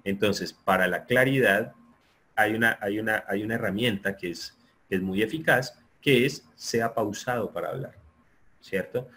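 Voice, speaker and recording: A man giving an online lecture, explaining in a steady, repetitive way and often checking that listeners agree. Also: lowish voice, moderate pace. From Colombia. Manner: explanatory, repeats himself, asks listeners for agreement. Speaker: sports psychology lecturer.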